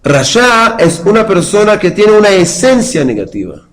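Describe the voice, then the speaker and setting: Male teacher, fairly high voice, patient lecture style with questions to the class and chanted verses. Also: big pitch swings, moderate pace, low-quality recording. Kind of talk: religious study lecture with a live class.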